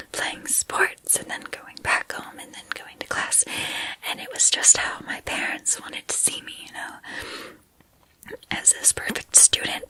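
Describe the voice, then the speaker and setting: A woman in a whispered role-play, voicing an obsessive, lovestruck female student turned captor who confides haltingly in a breathy whisper. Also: pushed and bright, low-quality recording. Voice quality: breathy whisper, mostly unvoiced. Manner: hesitant, halting, intimate confiding.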